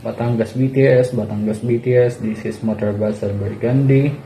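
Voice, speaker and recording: A man's voice: medium pitch, fairly even intonation, a little fast, dark tone. A man making scripted marine radio calls with formal procedure, spelling out numbers digit by digit. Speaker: ship radio operator in a practice exercise. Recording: echoey room with faint background noise.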